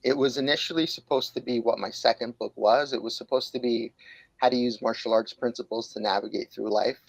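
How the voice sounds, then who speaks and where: On a podcast, a jiu-jitsu instructor and author from New York in his late forties speaks candidly and reflectively, pausing often and hesitating with fillers as he thinks aloud. His gravelly voice sits at an ordinary pitch with a steady tone. The low-quality recording is close and dry, with no echo or sense of room.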